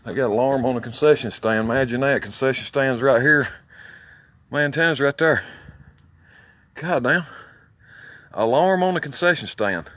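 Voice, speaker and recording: A Southern man with an Alabama accent, a CB radio hobbyist, records himself outside near his home, talking casually with plenty of bragging, folksy charm, and cursing. His medium-pitched, fairly bright voice moves at a normal speed with frequent pauses, and there's no echo.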